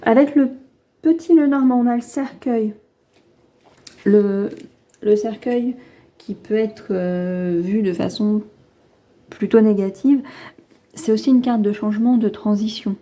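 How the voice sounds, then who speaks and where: Hosting a tarot reading while a head cold lingers, this woman talks casually to viewers, hesitating and rambling as she works through her thoughts aloud. She speaks a little slowly in a warm, medium-pitched voice, pausing often.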